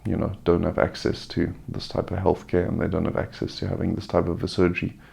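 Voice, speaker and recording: Subdued, gravelly man, weary after surgery. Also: low voice, monotone, quick pace, a little mellow. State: recovering from surgery with a sore throat. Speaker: vlogger giving a recovery update. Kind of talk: casual personal update, unscripted.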